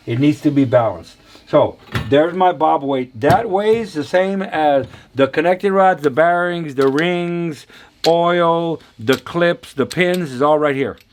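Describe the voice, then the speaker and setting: This man's voice sits on the high side, and there's a bit of background noise. He's a machinist teaching engine balancing in a relaxed shop demonstration, talking to "y'all" in a playful, chatty manner.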